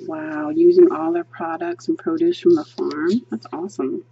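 This woman's voice is fairly low, gravelly, and sing-song at a moderate pace, with the highs cut off and slight background noise. She gushes chattily over a coloring book while flipping through it at an indoor table, hands visible on the pages, filling her thinking-aloud with lots of ums.

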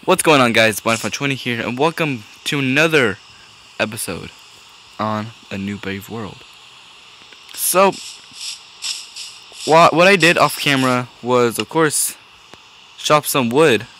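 This is a young man talking over his own gameplay, with a bright, sharp edge to his voice. He is excitable, swears freely and trips into restarts mid-sentence, over a faint hiss of background noise. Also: mid-range voice, measured pace, long pauses. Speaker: gaming video host. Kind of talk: casual gameplay commentary.

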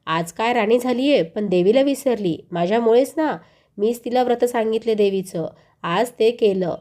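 A woman voicing an old beggar woman who is a goddess in disguise, talking slowly between coughs and scolding in anger. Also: on the high side, mellow, close to an everyday voice. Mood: angry.

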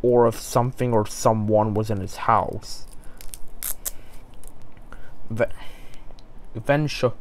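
Male storyteller, mid pitch, slow and halting delivery, lots of restarts; creepypasta narration. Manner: halting, stumbling, many restarts.

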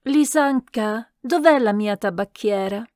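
A fussy, imperious elderly countess scolding her household, put on by a woman reading the story aloud. Her voice climbs and gets louder with each command, sharp and peevish. The recording is dry and close. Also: a little high, slow, dry recording.

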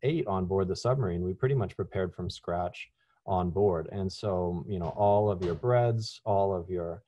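A Louisiana man gives a casual online webinar talk as a university food science presenter, often saying um and restarting. His voice is low and dark, at normal speed, with no echo, picked up over a video call.

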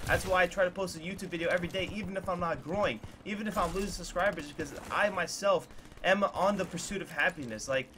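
A man in his early twenties with a slightly high voice speaks earnestly from a small room at home, rambling and circling back on his points with many fillers. He talks into a desk mic. Gunfire from a video game is clearly heard behind his voice. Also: fast, fairly bright tone, a little hiss or hum. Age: 20s. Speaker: gaming YouTuber. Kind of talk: candid talk to viewers over gameplay.

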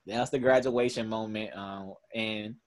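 A camp founder in his twenties, with a Southern US accent and a voice on the low side, speaks earnestly and unhurriedly in a steady tone. It's a conversational interview, full of fillers and restarts.

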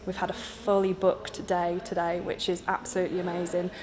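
A woman's voice: fairly low pitch, completely flat delivery, a little fast, a little mellow. A woman in her thirties, a commercial manager, giving an interview for the news. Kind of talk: interview sound bite. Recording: busy chatter behind the voice.

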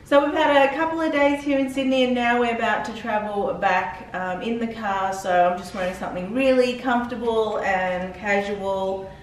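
A woman giving a casual vlog update in a relaxed, everyday chatting style. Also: a little high, moderate pace, hardly any pauses. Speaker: vlogger. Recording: very echoey, distant mic, faint noise.

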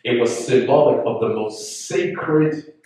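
A man's voice: medium pitch, slow pace, dark tone, very echoey, far from the mic, low-quality recording. A man preaching a sermon, teaching earnestly and reading scripture aloud.

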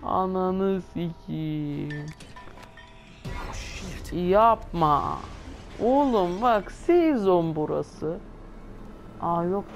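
A woman's voice: lowish voice, very animated, very slow, soft background music. A woman doing gameplay commentary for her channel, swearing constantly and griping to her viewers. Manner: swears a lot, grumbling and exasperated; talks straight to viewers. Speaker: gaming video host.

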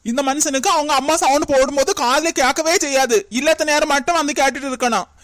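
A woman's voice: sits high, steady tone, fast talker, dry recording, clean studio sound, lightly acted. A woman voicing a young daughter-in-law in a cartoon, arguing back defensively and pleading her case. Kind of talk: cartoon comedy voice acting.

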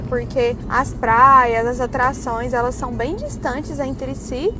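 Chatty high-voiced woman travel vlogger. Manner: friendly, talks straight to viewers as "gente". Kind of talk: chatty travel vlog narration.

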